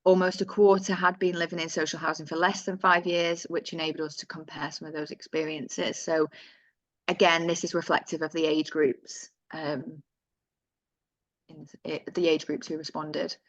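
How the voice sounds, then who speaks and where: A woman presents survey findings in a webinar, her low voice flat and moderately paced. She talks conversationally, correcting herself and adding asides. The audio comes from a computer mic on a video call, sounding dull and lo-fi without echo.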